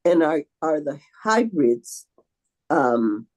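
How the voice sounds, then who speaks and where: An older woman, asking a long question at a seminar over a video call, halting, with many fillers and restarts. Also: low-pitched, big pitch swings, darkish tone, low-quality recording. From Venezuela. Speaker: audience member asking questions.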